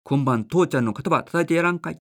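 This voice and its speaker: A man's voice: fairly high pitch, fast talker, voice pushed up, lightly acted. A man reading as a coaxing old countrywoman. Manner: coaxing, gently scolding.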